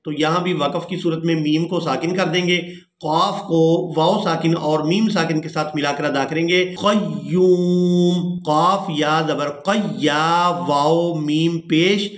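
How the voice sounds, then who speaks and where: A man teaching tajweed, spelling out letters and vowel marks, then chanting each verse slowly and melodically. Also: fairly high pitch, steady tone, a bit bright. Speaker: Quran recitation teacher. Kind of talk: tajweed lesson with chanted recitation. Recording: echoey room.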